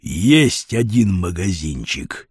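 A man voicing a sly, heavyset male petty crook who talks in a slow, drawn-out, conspiratorial way, with a husky voice. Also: low voice, sing-song, dry recording, clean studio sound, voice pushed down, heavily acted.

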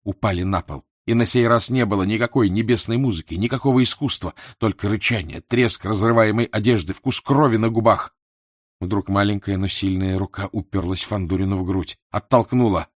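A man narrating a literary novel in a measured, expressive way. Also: fairly low pitch, no echo, clean studio sound. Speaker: audiobook narrator.

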